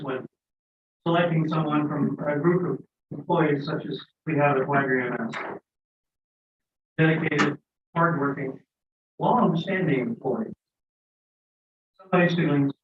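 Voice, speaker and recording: Older american guy giving formal remarks, slow careful phrases, slightly high voice, far from mic. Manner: deliberate, halting in short phrases. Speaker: doctor addressing a council. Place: echoey meeting room, away from mic. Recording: echoey room, distant, thin phone-like sound, noise.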